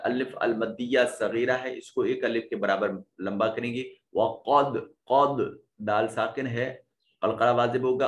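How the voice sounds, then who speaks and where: A man teaching a tajweed lesson, explaining pronunciation rules step by step and demonstrating the sounds himself. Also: medium pitch. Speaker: Quran teacher.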